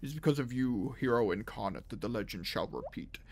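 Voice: mid-range voice, lively intonation, pitched below the performer's own voice. A gamer putting on a pompous, menacing demon villain. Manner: grandiose, slow, deliberate declaiming. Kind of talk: reading game villain dialogue aloud.

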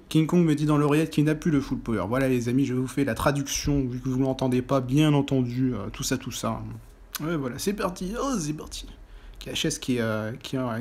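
Excitable husky man commentating gameplay. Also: medium pitch. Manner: excitable, breaks into shouted exclamations and "aïe aïe aïe". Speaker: gaming YouTuber. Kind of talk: mobile football gameplay commentary.

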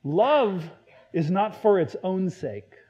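A man preaching a sermon in a conversational way, stumbling and restarting, now and then acting out Bible quotes loudly. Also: high-pitched, expressive, slow, lo-fi sound. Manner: conversational, self-deprecating preaching with many restarts. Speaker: pastor.

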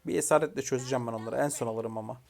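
A young man commentating his own mobile game match, excitedly shouting commands at teammates and venting frustration. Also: medium pitch, rapid-fire, vocal fry. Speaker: gaming YouTuber. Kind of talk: live gameplay commentary.

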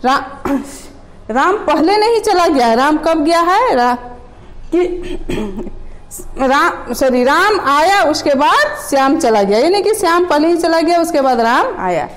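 High-voiced Hindi woman teacher. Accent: Jharkhand Hindi. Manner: explains with repeated examples and questions to students. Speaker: school teacher. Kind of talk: classroom grammar lecture.

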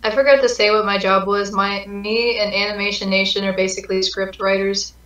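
A woman's voice: mid-range voice, flat delivery, fairly quick, fairly bright tone. A woman chatting with friends on a group voice call, sometimes stumbling and restarting her sentences. She sounds far from the mic, in a roomy space. The line is dull and lo-fi. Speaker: script writer in a friends' Discord call. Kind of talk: casual group chat. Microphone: voice chat headset or desk mic. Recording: distant, echoey, dull voice-chat audio.

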